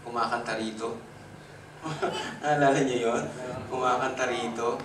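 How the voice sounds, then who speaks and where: Filipino guy preaching, loud jumps n laughs, echoey church, bit of background noise. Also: unhurried. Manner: animated, jumps in pitch and loudness, laughs often. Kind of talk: Taglish sermon. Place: church worship service. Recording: echoey hall, from a distance.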